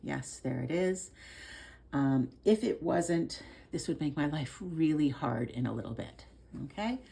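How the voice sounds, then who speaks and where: A woman giving a step-by-step hands-on tutorial as an instructor, speaking in a careful, unhurried, informal and reassuring way. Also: low-pitched, animated, gravelly, dark tone, husky. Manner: careful, unhurried, explaining each small step. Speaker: sewing instructor. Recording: some background noise.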